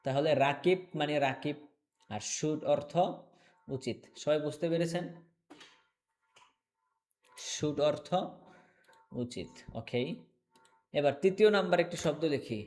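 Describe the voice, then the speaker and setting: A man teaching English online, repeating words slowly and checking in often with his class. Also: fairly high pitch, a little mellow. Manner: slow, repetitive drilling of words, checks in with "okay?".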